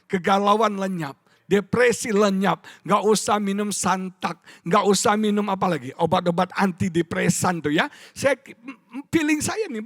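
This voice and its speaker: Middle-aged male pastor, high voice, dry close mic; lively sermon storyteller who drops to a hush and then bursts out loud. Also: dry recording. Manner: storytelling, audience call-and-response; wide swings from hushed to loud. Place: church stage.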